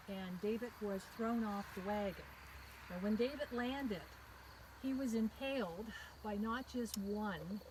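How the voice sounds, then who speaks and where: Woman tour guide storytelling outdoors amid noise. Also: mid-range voice. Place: outdoors in a cemetery at night. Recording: outdoor recording with clear background noise, crickets.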